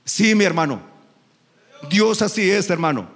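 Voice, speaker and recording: Middle-aged man, fiery preacher with a high, gravelly voice, booming through a reverberant church. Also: animated, measured pace. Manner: impassioned, repeats "hermano" often; rises into sung, shouted cadences. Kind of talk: sermon. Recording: echoey hall reverb.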